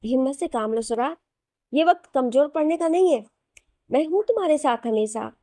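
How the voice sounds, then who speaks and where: A woman voicing a gentle, protective young husband in a spoken story. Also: high voice, animated, normal speed, no room sound, clean studio sound.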